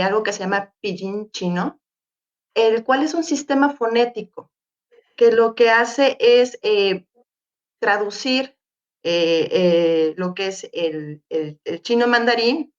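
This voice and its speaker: A woman's voice: mid-range voice, dull audio. Hesitant Mexican woman giving a talk. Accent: Mexican Spanish. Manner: hesitant, many fillers and restarts. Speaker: academic forum panelist. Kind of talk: conference presentation with slides. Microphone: video call.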